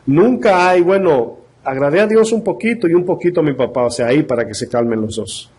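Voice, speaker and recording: A man preaching a sermon as pastor, lively and full of rhetorical questions to the congregation. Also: a little high, brisk, slightly rough.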